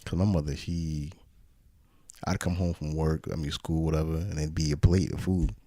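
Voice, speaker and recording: A man's voice: rumbling low, fairly even intonation, moderate pace, dark tone, no echo. A man from the United States co-hosting a podcast, talking loosely and slangily in casual chat. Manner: loose slangy talk, says "yo" and "you know what I'm saying". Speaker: podcast co-host.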